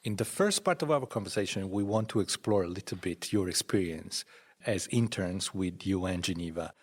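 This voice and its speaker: A man hosting a studio conversation with interns, relaxed and welcoming. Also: deep voice, moderate pace. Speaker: host, library director. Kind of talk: podcast interview.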